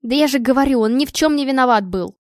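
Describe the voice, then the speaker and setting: A woman voicing a furious young wife who scolds her husband in a shrill voice. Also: fast, no room sound, studio quality, close to an everyday voice. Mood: scornful.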